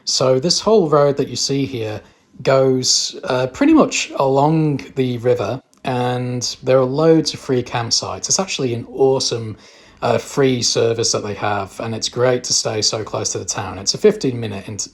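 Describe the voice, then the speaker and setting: A man's voice: medium pitch, normal speed, vocal fry, slightly rough. A man narrating a camping vlog in a chatty, informal storytelling way. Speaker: camping vlogger. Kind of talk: casual travel vlog narration.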